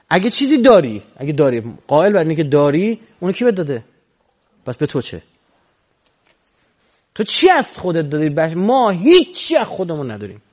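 A male preacher delivers a sermon into a microphone, his voice leaping between forceful calls and hushed, low asides. His pitch rides high and swoops widely as he presses each point. The recording is dull and lo-fi. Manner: animated, swinging between loud exhortation and low murmurs. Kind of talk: religious sermon.

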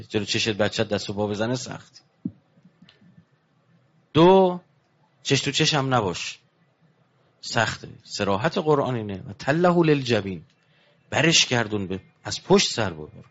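A man giving a religious lecture, animated with rising emphasis, dropping low and hushed when he tells a story. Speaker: preacher. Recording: dull lo-fi recording.

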